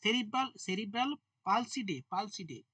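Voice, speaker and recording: A man with a bright, forward voice carrying a husky edge runs a live current affairs class in a quiet indoor room. He reads each question slowly, spells tricky words out letter by letter and breaks off for chatty asides with his students. The sound is dry and close, with almost no room echo. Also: high-pitched. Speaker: current affairs quiz teacher. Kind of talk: live exam-prep class dictation.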